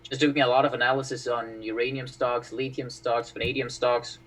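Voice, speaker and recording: A man born in Bulgaria, co-hosting a casual stock-market live stream, relaxed and laughing easily. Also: medium pitch, normal speed, recorded from a distance, a little hiss or hum, poor audio.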